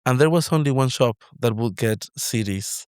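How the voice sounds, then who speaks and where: A man's voice: medium pitch, normal speed, a little mellow, clear, resonant tone, no echo, studio quality. A man from Mexico with a Mexican accent, hosting a podcast and asking long questions with personal stories. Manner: expansive, storytelling questions. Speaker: podcast host. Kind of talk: casual interview.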